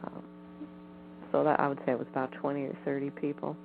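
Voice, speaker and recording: A woman guest on a phone interview, speaking in a measured, hedging way with frequent ums. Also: very deep voice, completely flat delivery, gravelly. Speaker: guest, Bigfoot researcher. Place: home in the woods. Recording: tinny phone line with faint hiss.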